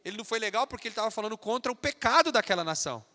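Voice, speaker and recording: A São Paulo Brazilian preacher with a high, very bright voice delivers an animated, emphatic sermon. He swings between loud bursts and quieter asides. The sound carries a long church-hall reverb. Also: rapid-fire. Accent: Brazilian Portuguese, São Paulo. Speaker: pastor.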